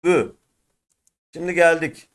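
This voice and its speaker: A man who speaks Turkish natively, teaching an Arabic lesson and drilling letter sounds in loud repeated pairs. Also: a little high, slow. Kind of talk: classroom lesson.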